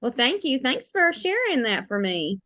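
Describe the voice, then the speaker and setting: A woman's voice: high-pitched, very animated, normal speed, sharp tone, dry recording. A woman with a thick Alabama Southern accent, chatting casually and informally as a realtor being interviewed. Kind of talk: casual chat.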